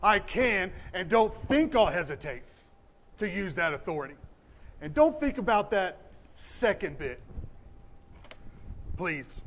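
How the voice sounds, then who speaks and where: An actor playing a stern, domineering police chief in a stage musical, speaking in a commanding, scornful way. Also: male voice, sits high, very animated, measured pace, long pauses, a bit bright, heavily acted. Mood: threatening.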